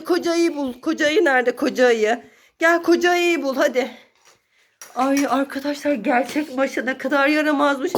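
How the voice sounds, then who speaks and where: A woman's voice: high voice, fairly bright tone, slight background noise. A woman filming a family vlog at home, commenting playfully with exclamations, mock-scolding and frequent laughter. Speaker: family vlogger. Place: child's bedroom at home.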